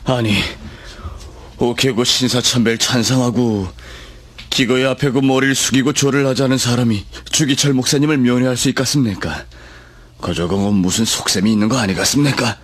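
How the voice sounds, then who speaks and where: A man's voice: mid-range voice, brisk, breathy edge, no room sound, natural voice. A male actor playing a suspicious, fervent church elder in a radio drama, speaking insistently with a North Korean Pyongan accent. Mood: indignant. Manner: insistent, agitated, emphatic.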